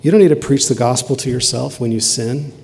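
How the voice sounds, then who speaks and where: A man preaching a sermon, with emphatic rises and quiet, low asides. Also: a little fast, vocal fry. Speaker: pastor. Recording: long hall reverb.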